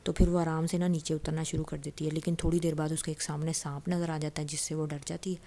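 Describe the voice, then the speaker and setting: A woman retells a novel in a relaxed, conversational way, slipping in fillers and restarting phrases as she paraphrases the characters' lines. Her voice sits low and dark-toned, and her delivery stays steady and flat, with little rise or fall. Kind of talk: casual spoken story retelling.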